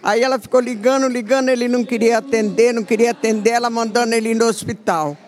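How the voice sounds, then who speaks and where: A woman's voice: fairly high pitch, steady tone, quick pace, a little mellow. An older woman telling an earnest church testimony as a member, recounting events and quoting herself. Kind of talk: spoken testimony.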